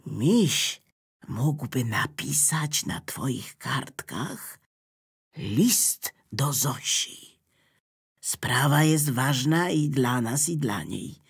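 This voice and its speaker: A woman voicing a calm, gentle male electricity spirit in a children's story. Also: rumbling low, drawn-out words, creaky, husky, exaggerated voice. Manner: gentle and soothing.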